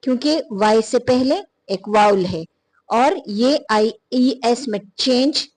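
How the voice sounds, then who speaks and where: A woman's voice: a little high, takes it slowly, darkish tone. A woman teaching an English phonology lesson, patiently repeating and spelling out words letter by letter.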